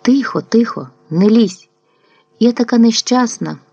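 A woman voicing a desperate, unhappy peasant woman who pleads in a hushed, half-whispered voice. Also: fairly high pitch, expressive, measured pace, pitched above the performer's own voice. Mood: pleading. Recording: dull lo-fi dry recording.

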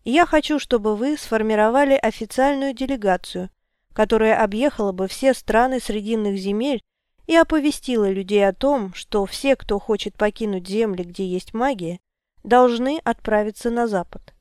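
A calm, commanding male wizard, read by a woman narrator in an audiobook. He lays out his plans with firm, solemn declarations. The voice is smooth and clear, somewhat high, in a dry close recording. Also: normal speed, no room sound, close to an everyday voice. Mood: resolute. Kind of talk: audiobook character reading.

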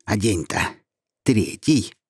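A man's voice: deep voice, animated, normal speed, slightly rough, dry recording, studio quality, full character voice. A man voicing a female know-it-all ornament in a storybook reading, patronizing and snide.

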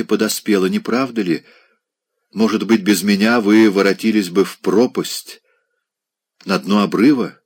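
A man's voice: fairly low pitch, slightly rough. A man voicing a coy, scheming middle-aged provincial lady who pries with wheedling, insinuating questions. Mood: prying.

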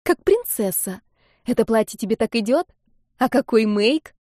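A woman voicing an excitable young woman friend who gushes in a slightly raised voice in an audiobook. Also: fairly high pitch, normal speed, no echo, clean studio sound. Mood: gushing.

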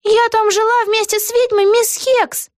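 A woman voicing an earnest young witch girl who protests in a high, exclaiming voice in a storybook reading. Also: flat delivery, a little slow, no room sound, clean studio sound. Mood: indignant.

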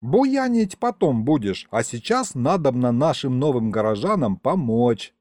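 A man's voice: mid-range voice, very animated, a little slow, a little mellow, dry recording, studio quality. A man voicing a kindly, folksy old grandfather who talks in an old-fashioned, coaxing way.

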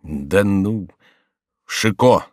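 A man's voice: low voice, lively intonation, drawn-out words, dry recording, studio quality, exaggerated voice. A man voicing a frightened male monk who answers evasively and pleads under threat. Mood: pleading.

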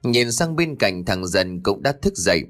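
A man narrating a ghost story in a lively storytelling voice and playing each character himself, with faint music behind him. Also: on the low side, measured pace. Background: soft background music.

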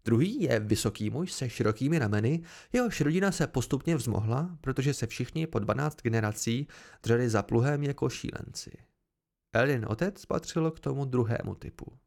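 Creaky-voiced man narrating an audiobook. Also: medium pitch, animated, darkish tone. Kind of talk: amateur first-person narration.

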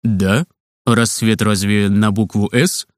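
A man voicing a calm, dryly amused father in a storybook reading. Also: lowish voice, slow pace, dry recording, studio quality, voice pushed down. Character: calm wry father, dry and patient.

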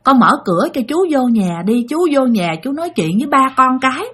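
A woman voicing the pleading ghost of a dead middle-aged man, speaking softly and hesitantly. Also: sits high, very animated, brisk, husky, full character voice. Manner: begging, soft and hesitant.

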